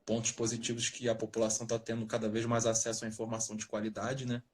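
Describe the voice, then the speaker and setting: A man from Rio de Janeiro state, a nutritionist guest, explaining things in a relaxed, jokey way over a video call from his parents' house. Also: fairly low pitch, quick pace. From Rio de Janeiro state, Brazil. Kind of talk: casual interview talk.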